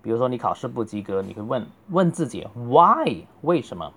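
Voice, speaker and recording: A middle-aged man, a native Chinese speaker, teaching a beginner English lesson and slowly drawing out each model phrase. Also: medium pitch, big pitch swings, creaky. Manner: slow, drawn-out model phrases between quicker explanations.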